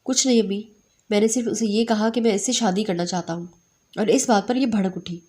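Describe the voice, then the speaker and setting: A woman voicing a calm, determined young man who speaks in a composed way. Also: medium pitch, natural voice.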